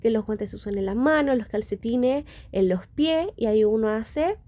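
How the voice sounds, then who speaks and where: Woman, lecturing, warm mellow tone, checks understanding. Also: on the high side, lively intonation, moderate pace. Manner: explanatory, checks in with "¿ya?". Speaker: speech therapy lecturer. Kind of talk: lecture to students.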